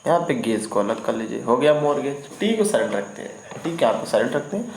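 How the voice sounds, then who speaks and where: A man teaches vocabulary in an online lesson, saying each word twice and stopping often to check that students follow. His voice sits at an ordinary middle pitch. The room is echoey, with a faint hiss of noise behind. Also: sing-song, quick pace, vocal fry. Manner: repeats words and keeps asking "ठीक है ना?".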